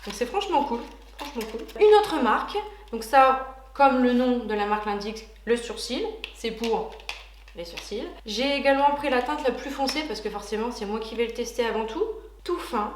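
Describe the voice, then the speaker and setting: Excited beauty vlogger lady unboxing stuff, kinda high voice, lots of "euh", roomy echo. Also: moderate pace, slight background noise. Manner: chatty, enthusiastic, many hesitation fillers. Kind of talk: casual product unboxing chat.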